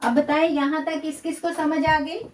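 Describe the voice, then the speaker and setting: High-voiced woman teaching tajweed. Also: flat delivery, darkish tone. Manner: patient, explains step by step and drawn-out demonstration syllables; frequent praise to students. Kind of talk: live online lesson.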